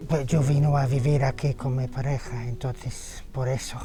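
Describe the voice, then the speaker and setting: A man from Australia with an Australian accent, answering interview questions in halting second-language speech full of fillers and restarts. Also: mid-range voice, little pitch movement, music in the background. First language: English. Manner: hesitant, many fillers and restarts. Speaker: interviewee, photographer.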